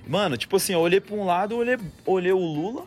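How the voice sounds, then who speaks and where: A man's voice: high-pitched, quick pace. A man with a Brazilian accent hosting a podcast, chatting casually and peppering his talk with slang tags. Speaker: podcast host. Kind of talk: casual slangy chat and sign-off. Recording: music playing behind the voice.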